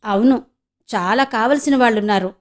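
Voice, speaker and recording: A woman's voice: fairly high pitch, moderate pace, close to an everyday voice. A woman voicing a young village woman who is searching for her lost brother, speaking earnestly and pleadingly in an audiobook. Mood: subdued.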